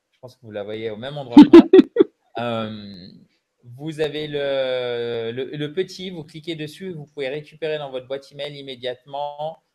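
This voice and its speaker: A man's voice: medium pitch, a little mellow. A man with a French accent giving a bilingual lesson, chatty and joking as he explains each step. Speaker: English teacher.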